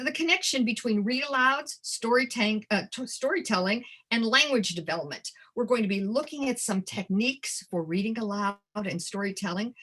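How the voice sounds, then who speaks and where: Addressing childcare providers in a webinar, an older educator of sixty or more talks straight to her audience and leans on key phrases. She has a fairly high, fairly bright voice.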